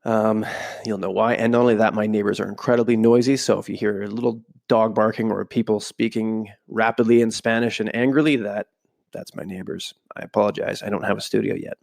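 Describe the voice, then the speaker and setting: At home rather than in a studio, a podcast host with a stuffy voice from a cold reads aloud from a book, then breaks off into loose, casual asides. His lowish voice is creaky and darkish, with fairly even intonation and a brisk pace.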